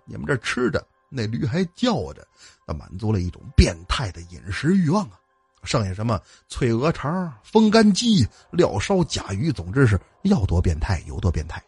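A man's voice: mid-range voice, husky, dry recording. A man telling a spooky folk tale in a colloquial, joking storyteller's manner. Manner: lively, colloquial, joking asides. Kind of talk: spoken ghost story with asides.

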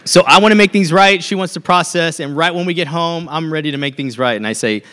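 Conversational pastor, higher-pitched man. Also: fast talker, a bit bright. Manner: conversational, storytelling, frequent "okay?" check-ins. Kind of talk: sermon.

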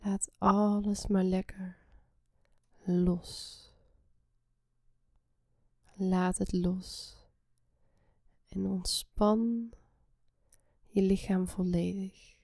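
A woman guiding a relaxation meditation in a soft, soothing, breathy half-whisper. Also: mid-range voice, no room sound, studio quality. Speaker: guided meditation host.

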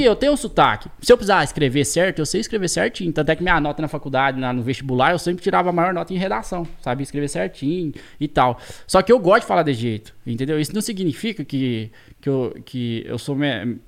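Guest spot: quick, somewhat high-voiced man with a caipira interior accent, folksy storyteller. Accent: rural Brazilian interior (caipira). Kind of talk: storytelling on a talk show.

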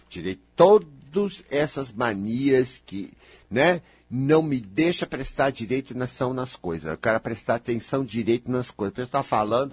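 A Brazilian man with a husky, breathy voice talks in a lively, swooping pitch, jumping from near-shouts to soft low asides. He is emphatic, teasing and scolding, and he speaks straight at the listener. The sound is dry and close. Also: no echo. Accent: Brazilian Portuguese. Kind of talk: animated spontaneous monologue.

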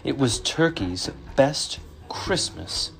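A man reading a children's story aloud in a slow, expressive storytelling voice. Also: mid-range voice, creaky. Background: music.

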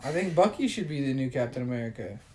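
A young man co-hosting a podcast, talking casually and excitedly with slang and trailing restarts. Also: mid-range voice, fast talker, slight background noise. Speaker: podcast co-host. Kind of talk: casual chat.

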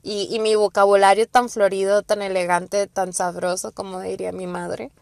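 A woman's voice: medium pitch, normal speed, gravelly, dry recording, clean studio sound. A young woman with a Mexican accent hosting a podcast, telling personal stories in a rambling, profane way and acting out the people she quotes. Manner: rambling, profane, animated quoting. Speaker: podcast host. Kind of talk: casual personal storytelling.

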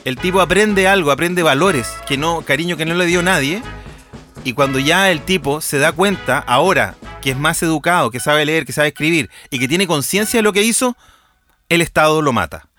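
Man, Chilean accent, bright voice, fairly high, animated storyteller, faint music behind. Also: normal speed. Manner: animated storyteller, acts out characters' lines. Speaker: podcast co-host. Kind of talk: casual chat about films.

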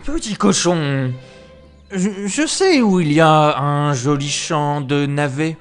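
A man voicing a sly, hungry wolf in a storybook reading, drawn-out, coaxing and menacing. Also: a little high, animated, clear, resonant tone, faint music behind, pitched above the performer's own voice.

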